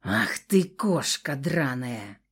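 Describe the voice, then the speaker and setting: A woman voicing a brutal male thug who growls threats in a hoarse voice. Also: mid-range voice, very animated, slow, voice pushed down, exaggerated voice. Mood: menacing. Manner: snarling, menacing.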